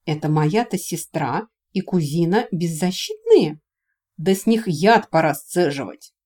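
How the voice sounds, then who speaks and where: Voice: mid-range voice, big pitch swings, a little slow, darkish tone. A reader voicing a grumbling young dragon brother. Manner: grumbling, put-upon. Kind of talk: audiobook reading.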